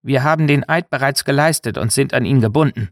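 A man's voice: mid-range voice, expressive, normal speed, no room sound, studio quality, voice pushed up, lightly acted. A man voicing a sneering male soldier who is a spineless follower, in a mocking, defensive manner.

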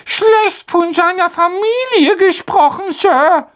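Lady doing a squeaky crying house-elf guy, super high, drags his words out. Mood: anxious. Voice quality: squeaky, shrill and sobbing. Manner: humble and overwrought, drawn-out pleading words. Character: tearful, servile male house-elf, small and frantic. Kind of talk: audiobook character voice.

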